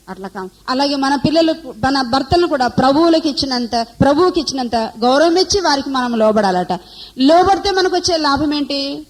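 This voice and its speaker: High-voiced woman preaching. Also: low-quality recording. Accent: Telugu. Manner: asks the audience questions and answers them. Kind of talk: sermon to a women's conference.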